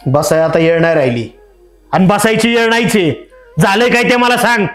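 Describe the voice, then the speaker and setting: An actor playing a proud, domineering father who scolds and shouts with contempt. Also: sits high, expressive, normal speed, faint music behind. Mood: angry. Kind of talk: short drama acting.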